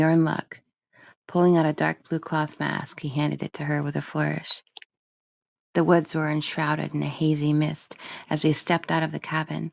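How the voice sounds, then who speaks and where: A woman reading literary first-person narration for an audiobook in a measured, expressive storytelling manner. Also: deep voice, creaky, no room sound. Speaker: audiobook reader.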